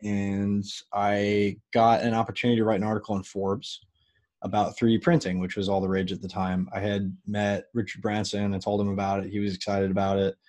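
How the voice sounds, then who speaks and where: A man speaking as a podcast guest, telling stories in a relaxed, animated way with plenty of fillers. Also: lowish voice, a little fast. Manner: relaxed, animated, loose with fillers and an occasional curse. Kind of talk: casual interview storytelling.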